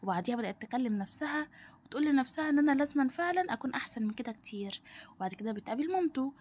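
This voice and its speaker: A woman with an Egyptian accent recaps a drama plot in one long run-on telling. She talks very fast with a husky edge. Her voice sits a little high. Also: expressive, darkish tone. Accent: Egyptian Arabic. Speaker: narrator.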